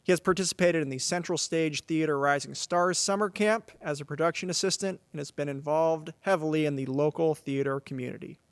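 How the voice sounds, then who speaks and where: Male announcer for a school knighting ceremony, moderately high pitch, formal reading, dry podium-mic sound. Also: fairly quick, hardly any pauses, clear, resonant tone, dry recording. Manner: formal, addresses the audience as ladies and gentlemen. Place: stage of a large auditorium. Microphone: podium microphone.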